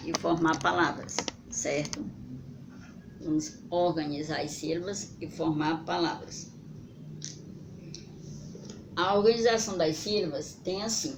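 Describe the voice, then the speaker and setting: A woman teaching young children, drawing out words syllable by syllable and checking in with short questions. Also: lowish voice. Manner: drawn-out syllable-by-syllable pronunciation, frequent "certo?" and "né?" check-ins. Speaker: primary school teacher. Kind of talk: slow, deliberate spelling lesson for children. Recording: echoey room with background noise.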